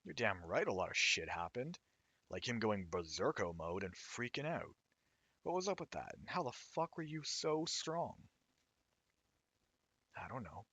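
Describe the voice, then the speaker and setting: A man voicing a foul-mouthed, hot-tempered young brawler in a snarling, forceful, raised voice while reading game dialogue. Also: on the high side, big pitch swings, normal speed, gravelly, few pauses, no room sound, pitched above the performer's own voice. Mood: angry.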